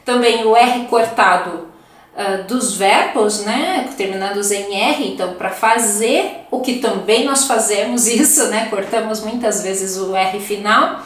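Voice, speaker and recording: A woman's voice: mid-range voice, measured pace. A Brazilian woman teaching Portuguese, explaining accents patiently and often asking "né?" to check in. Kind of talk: explaining accents in a video lesson. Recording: very echoey room with faint noise.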